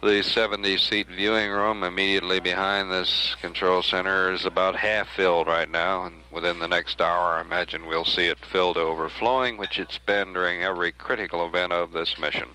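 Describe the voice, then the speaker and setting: An American man giving measured live spaceflight commentary as a mission control public affairs announcer. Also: sits low, flat delivery, sharp tone. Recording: faintly noisy 1960s archive broadcast.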